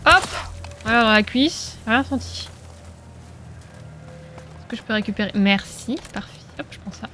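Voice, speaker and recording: A woman's voice: fairly high pitch, animated, a little slow, long pauses, pushed and bright, faint music behind. A woman streaming a video game, chatting casually and playfully with her viewers and laughing often. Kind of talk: casual live gameplay commentary.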